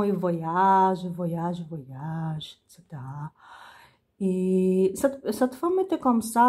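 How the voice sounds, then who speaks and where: A woman gives an unscripted religious testimony in French, haltingly, searching for words and repeating phrases. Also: medium pitch, mellow.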